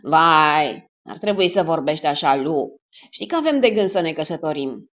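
A woman voicing a loud, dim-witted man who talks in high, hearty bluster with drawn-out cackling greetings. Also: lively intonation. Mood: silly. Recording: slightly dull lo-fi recording.

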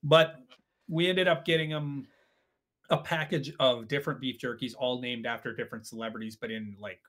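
Laughing, animated storytelling man. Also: mid-range voice, moderate pace. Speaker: podcast guest. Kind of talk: casual chat.

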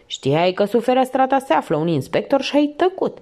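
Woman reading as a calm, detached police inspector. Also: high voice, voice pushed up. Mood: stern. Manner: quiet, measured, murmuring.

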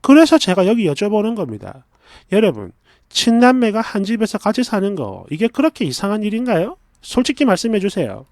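High lively voiced guy reading a story out, chatty, dry close mic. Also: fairly quick, no echo. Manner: chatty, expressive, confiding. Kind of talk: first-person story reading.

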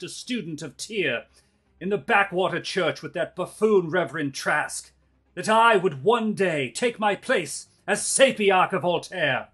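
A man voicing a bitter, scornful half-elf villain with slow theatrical menace in a tabletop game. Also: a little high, fairly bright tone, slightly rough, voice pushed up, full character voice.

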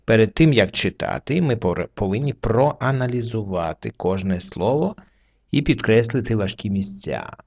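Gravelly low-voiced male teacher. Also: animated, darkish tone. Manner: slow, patient explaining with pauses. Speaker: French teacher. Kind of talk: word-by-word reading lesson.

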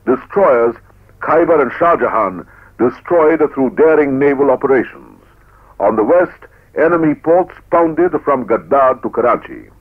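A man's voice: medium pitch, breathy edge. A man giving formal, declamatory scripted narration for an old 1970s radio newsreel. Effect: old radio newsreel sound. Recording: tinny narrow-band 1970s radio newsreel.

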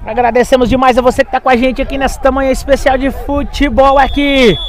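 A man's voice: flat delivery, a little fast. A Brazilian man calling a football match live, play by play, as its commentator. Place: small outdoor grass football ground, at the touchline. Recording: outdoor pitch, faint crowd noise.

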